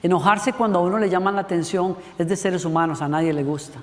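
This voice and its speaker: A man preaching a sermon as a pastor, telling a Bible story in an animated way and acting out the voices of its characters. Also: high voice, fast, long reverb tail. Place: church sanctuary.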